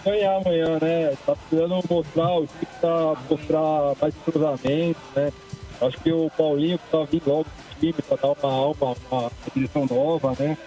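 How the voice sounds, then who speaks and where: A man's voice: a little high, fairly even intonation, moderate pace, mellow, soft background music. A man calling in over a phone line who chats casually and hesitantly about football, often ending his phrases with a tag question. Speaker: caller.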